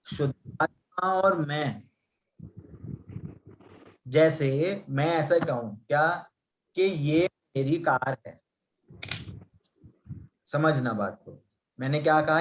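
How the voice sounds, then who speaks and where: A man's voice: a little high, slight background noise, poor audio. A man teaching a religion class, asking students questions and explaining with everyday examples. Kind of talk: interactive class lesson.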